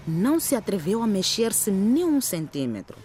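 A woman narrates a scripted drama as storyteller. Her pitch is mid-range but moves in very animated swings, with some noise behind her. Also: normal speed.

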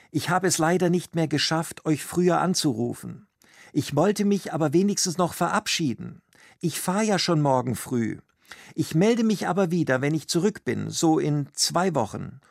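Male reader voicing a friendly woman's voicemail, raised pitch, gravelly tone. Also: no echo, studio quality. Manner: chatty, apologetic.

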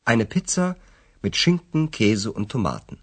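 A polite diner orders in a slightly husky, expressive mid-pitched voice. He sounds a little embarrassed by his own cheeky inner voice. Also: takes it slowly, heavily acted.

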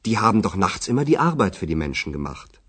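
Lively, husky young storyteller. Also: male voice, lowish voice, fast, exaggerated voice. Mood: dreamy, recounting. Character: dreamy young male storyteller recounting his wish. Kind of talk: language-course radio drama.

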